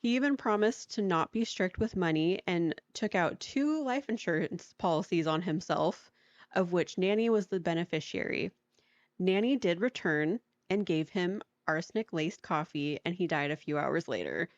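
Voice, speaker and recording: Chatty woman podcast host, slightly low voice. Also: animated, moderate pace, dry recording. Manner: chatty, lots of "like", laughs often. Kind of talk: casual storytelling chat. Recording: dry, dull lo-fi sound.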